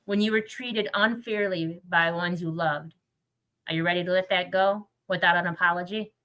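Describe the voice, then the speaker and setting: A woman's voice: lowish voice, fairly even intonation, normal speed, pushed and bright, poor audio. A woman hosting a podcast, asking questions in a casual group conversation with an informal, encouraging manner. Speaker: podcast host.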